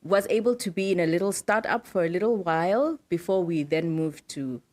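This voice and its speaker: A middle-aged woman from Zimbabwe, a podcast guest explaining her work in a relaxed interview, often affirming with "right" and "yes". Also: fairly low pitch, a little fast. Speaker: podcast guest, data protection officer. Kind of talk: casual interview talk.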